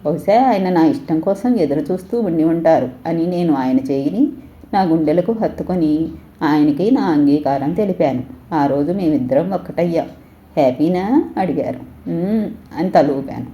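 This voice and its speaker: Woman reading a story out loud, low dark voice, calm and gentle. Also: dull audio. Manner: gentle, measured first-person reading. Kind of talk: audio story narration.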